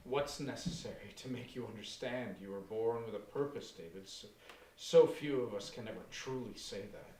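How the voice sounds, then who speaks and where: A man playing a calm, grandiose cult leader who speaks softly and with chilling composure. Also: on the low side, moderate pace, natural voice. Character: calm, menacing middle-aged male cult leader. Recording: roomy and distant with faint noise.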